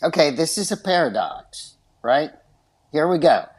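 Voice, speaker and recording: A man's voice: on the high side, very animated, unhurried, slightly rough. An older man from West Texas with a West Texas twang, telling anecdotes as an interview guest. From West Texas, United States. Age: 60s or older. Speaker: podcast guest, retired divorce lawyer. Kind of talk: animated anecdotal interview talk.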